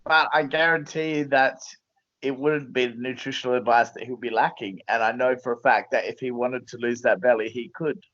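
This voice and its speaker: Blunt fight coach, slightly dull recording. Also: male voice, medium pitch, fairly even intonation, fairly quick, fairly bright tone, no echo. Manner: blunt, plain-spoken. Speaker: fight coach being interviewed. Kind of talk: casual interview chat.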